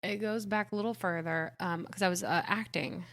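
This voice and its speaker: A young woman from Puerto Rico, a native Spanish speaker, chatting as a podcast guest in an animated, storytelling way. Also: mid-range voice, normal speed. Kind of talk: casual conversation.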